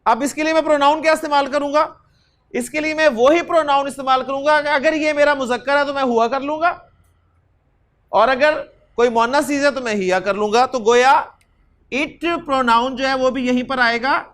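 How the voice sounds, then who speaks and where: High-pitched man drilling Arabic pronouns. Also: moderate pace, a bit bright. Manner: drills pronouns in chanted repetition, says "जी" often; gestures with his hands while explaining. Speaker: Arabic teacher. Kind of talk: classroom-style grammar lesson.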